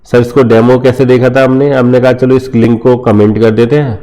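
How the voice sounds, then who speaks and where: A man's voice: mid-range voice, flat delivery, a little fast, mellow. A man with an Indian accent giving an informal coding lesson over a screen recording, often checking in with his viewers as friends. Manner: informal, addresses viewers as friends, frequent "theek hai" fillers. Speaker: coding tutor.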